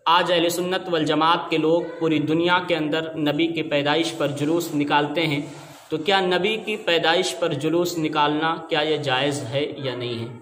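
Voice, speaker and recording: Bright-voiced male preacher, echoey hall. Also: fairly high pitch, fairly even intonation, a little hiss or hum. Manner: emphatic, argumentative. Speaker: Islamic preacher. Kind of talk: religious lecture to camera. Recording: echoey room with long reverb.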